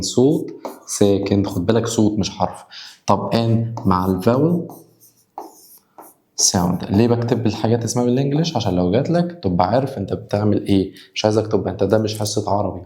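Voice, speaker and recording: Egyptian male English teacher, mellow low voice, drills sounds slowly, reverberant room. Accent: Egyptian Arabic. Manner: repeats example words slowly, sounding them out. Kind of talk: spoken grammar lesson.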